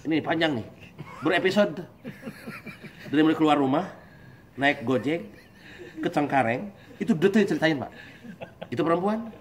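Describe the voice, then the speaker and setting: A man giving a lively, joking religious study talk, acting out husband and wife voices. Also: on the high side, normal speed, long pauses. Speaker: preacher.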